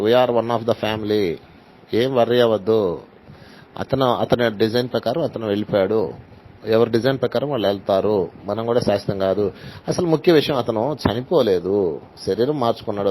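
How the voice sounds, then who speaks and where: A man's voice: on the low side, darkish tone, low-quality recording. Man, spiritual teacher, storytelling talk, acts out dialogue, mixes in English, faint background hiss. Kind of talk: spiritual talk with personal stories.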